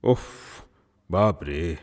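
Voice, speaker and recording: A man's voice: sits low, lively intonation, extremely slow, big-room sound, music in the background, heavily acted. A middle-aged man dubbing an earnest, fretful village father devoted to a holy man. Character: anxious, devout village father. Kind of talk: Hindi film dub.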